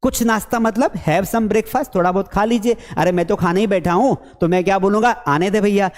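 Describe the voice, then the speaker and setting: A man with a Hindi accent teaching spoken English at a board. He talks in a lively, playful way and keeps asking questions that he then answers himself. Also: high-pitched, a little fast, big-room sound. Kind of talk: classroom lesson with a whiteboard.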